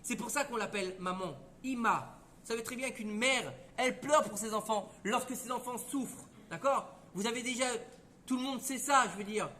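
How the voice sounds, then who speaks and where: A man teaching a Torah lesson as a lively story, acting out the voices. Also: very high voice, moderate pace, slight background noise. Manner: lively, conversational, acts out voices.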